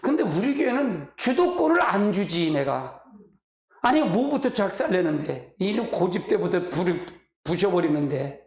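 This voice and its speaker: A man's voice: sits high, big pitch swings, moderate pace. A man preaching a sermon as pastor, talking in a colloquial, emotional way with sighing exclamations, in a church sanctuary. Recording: echoey church hall.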